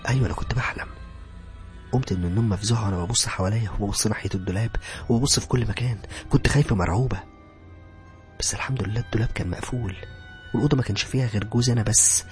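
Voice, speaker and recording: A man's voice: fairly low pitch, darkish tone. A man with an Egyptian accent narrating a first-person horror story in a tense voice that sometimes sinks to a whisper. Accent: Egyptian Arabic.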